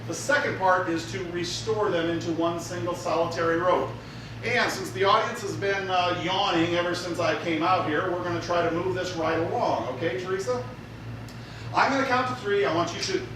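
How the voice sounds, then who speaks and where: Guy doing a comic magic show on stage, jokey and teasing, recorded from far off with background noise. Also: high-pitched. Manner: jokey showman teasing a volunteer, announcing to the crowd. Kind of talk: live comic magic show patter with an audience volunteer. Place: theater stage, live before an audience. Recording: echoey theater from far off, noisy.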